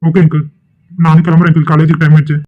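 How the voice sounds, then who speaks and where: A man voicing a smooth young cartoon suitor. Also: on the high side, completely flat delivery, very fast, lightly acted. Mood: polite. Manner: polite and ingratiating. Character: smooth-talking young male college suitor. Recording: tinny phone-like audio.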